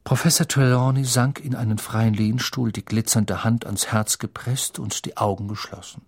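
A man narrating a fantasy novel as an audiobook in a calm, measured way. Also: medium pitch, husky. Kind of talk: scripted narration.

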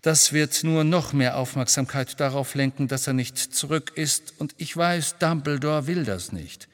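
A man reading an audiobook, voicing a restless grown man in hiding who reassures briskly with a bitter edge. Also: a little high, big-room sound, voice pushed up, natural voice. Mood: tense, bitter.

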